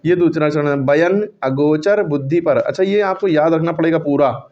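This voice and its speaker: Male teacher, slightly high voice, classroom lesson, counts aloud and self-corrects; dull lo-fi recording. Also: normal speed. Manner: counts syllables aloud, checks and corrects himself. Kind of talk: classroom lesson on Hindi verse meter.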